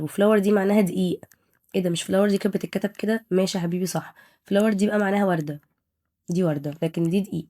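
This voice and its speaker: A woman's voice: medium pitch, mellow. A young woman with an Egyptian Arabic accent teaching an English exam review, firing questions at students and answering them herself, mixing Arabic with English words.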